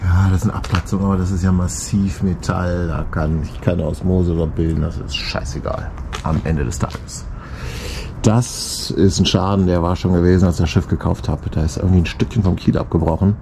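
Gravelly low-voiced older man vlogging. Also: steady tone, moderate pace, background noise. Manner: chatty, self-mocking, jokey asides. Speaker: sailing vlogger. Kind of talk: casual self-filmed commentary. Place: outdoor boatyard. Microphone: action camera held at arm's length.

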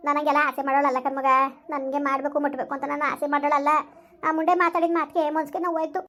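A woman's voice: high-pitched, little pitch movement, fast talker, a bit bright. A woman playing a grieving elderly village mother-in-law in an amateur family skit, with plaintive, lamenting rural speech. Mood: hurt, tearful.

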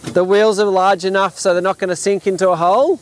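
A man's voice: high-pitched, fairly even intonation, brisk. A man in his thirties with an Australian accent, showing visitors around his farm outdoors, talking with enthusiasm and frequent restarts, recorded by a camera at a distance. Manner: enthusiastic, explanatory, with fillers and restarts. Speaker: farm owner giving a tour. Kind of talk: outdoor demonstration talk. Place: open paddock outdoors.

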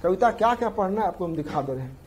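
A man's voice: high voice, expressive, very fast, darkish tone, a little hiss or hum. A man teaching an exam prep class, repeating points over and over to drill them in. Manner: repetitive, drilling points to students. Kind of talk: classroom lecture.

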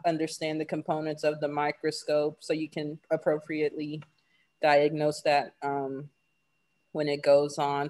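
Over a video call, a male graduate student with a voice on the high side answers panel questions casually, using lots of fillers.

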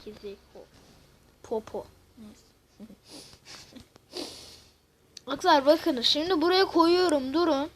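High-pitched woman yelling and muttering through a game, kinda jumpy, slight background hum. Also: takes it slowly, long pauses. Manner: excitable, swears and exclaims a lot. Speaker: gaming video host. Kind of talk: casual gameplay commentary.

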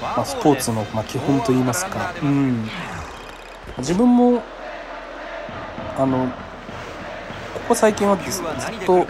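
With a medium-pitched, expressive voice, a game streamer from Kagoshima, Japan, speaks unhurriedly and pauses often. He casually reacts aloud to his own baseball video game and apologizes frequently, with the game's crowd sound behind him.

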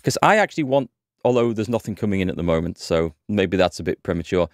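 Here a gaming streamer from England, thirties, North Yorkshire accent, rattles off quick let's-play chatter with lively intonation, musing aloud over a headset mic. He has a low voice and a slight cold. Recorded in his indoor home streaming room, the audio is studio quality with no echo.

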